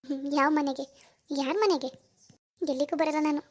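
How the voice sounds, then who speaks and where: A woman's voice: high-pitched, fairly even intonation, normal speed, lightly acted. A woman voicing a heartbroken young wife in a cartoon, tearful and resigned. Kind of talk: animated cartoon dialogue.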